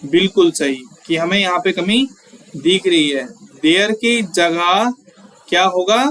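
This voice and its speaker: A man leads an exam-prep grammar lesson with a rather high voice. He talks at an unhurried pace, asks his viewers questions and reads every example sentence slowly, word by word. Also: a bit bright, poor audio. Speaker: English grammar teacher.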